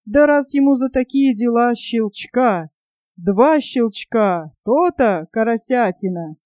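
A woman's voice: a little high, lively intonation, a little slow, warm tone, no room sound. A woman voicing a bold, dreaming young pioneer boy in a storybook reading, rousing and mocking by turns.

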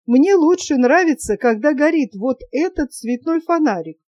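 A woman's voice: sits high, lively intonation, normal speed, a little mellow, no room sound, voice pushed up. A woman voicing a talkative, self-satisfied wealthy lady in a storybook reading, chatty and coquettish.

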